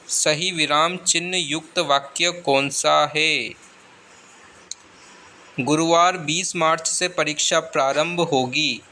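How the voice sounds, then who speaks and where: Slow, bright-voiced male tutor. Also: fairly high pitch. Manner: slow, deliberate reading of options. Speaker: exam tutor. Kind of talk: reading exam questions and answers.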